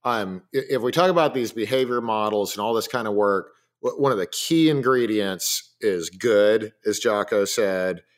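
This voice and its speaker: A man's voice: fairly low pitch, moderate pace, hardly any pauses. A man co-hosting a podcast, explaining his ideas carefully and one step at a time, with small restarts. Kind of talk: casual podcast conversation.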